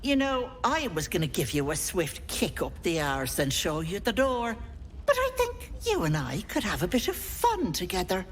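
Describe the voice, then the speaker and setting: A woman's voice: medium pitch, fairly bright tone, slight background noise. A woman playing an old auntie hag in a video game, wheedling and scolding with mock-sweet endearments. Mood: cheeky, cutting. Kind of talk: video game character acting.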